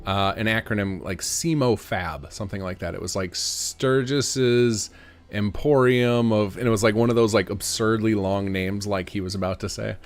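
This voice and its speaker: A man's voice: lowish voice, steady tone, brisk, hardly any pauses. A man giving casual, rambling gameplay commentary as a streamer, thinking aloud. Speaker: game streamer and modder.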